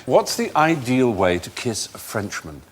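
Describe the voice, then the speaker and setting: A man's voice: medium pitch, very animated, a little slow. A man hosting a comedy quiz panel in a studio, teasing and genial as he asks questions. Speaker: quiz show host. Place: studio with live audience. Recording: loud studio audience noise.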